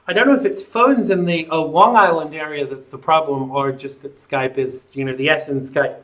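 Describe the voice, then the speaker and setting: A man with a fairly high, forceful voice hosts a live call-in show. He speaks conversationally and gives his opinions with a sardonic edge. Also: moderate pace, rough recording.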